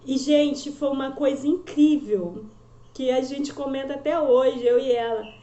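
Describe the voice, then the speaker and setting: A woman's voice: high-pitched, a little slow, mellow. A woman, a mother, telling an emotional religious testimony in an earnest, repetitive storytelling way. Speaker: mother giving a faith testimony. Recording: roomy echo, slightly dull sound.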